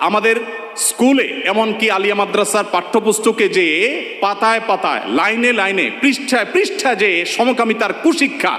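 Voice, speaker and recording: A man's voice: sits high, fairly bright tone, echoey room, big-room sound. A man preaching a sermon, impassioned and full of rhetorical questions. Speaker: Islamic preacher.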